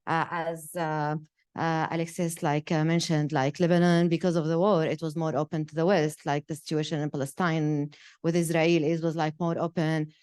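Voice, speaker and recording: A woman from Syria, speaking at a panel talk, halting with many fillers. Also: low-pitched, little pitch movement, darkish tone, clean tone. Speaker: project participant. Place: gallery event room.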